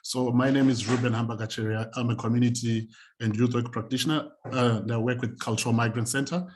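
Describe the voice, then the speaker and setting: A man's voice: mid-range voice, steady tone, quick pace, darkish tone. A man from Zimbabwe, a community and youth work practitioner, speaking on a video call panel in a conversational, reflective storytelling manner. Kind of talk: panel talk, personal story.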